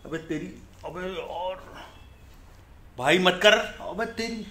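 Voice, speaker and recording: A man with a high-pitched voice talks to his pet parrot at home, teasing and scolding it in rough slang. The room is echoey and bare-sounding. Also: slow, a bit bright. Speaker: pet owner. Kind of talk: casual talk to a pet parrot. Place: at home indoors.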